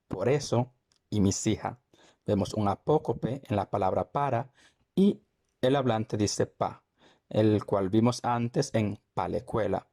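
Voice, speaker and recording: A man from the Dominican Republic with a Dominican accent, a Spanish teacher explaining language points in a measured, deliberate way with repeated examples. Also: on the low side, dark tone.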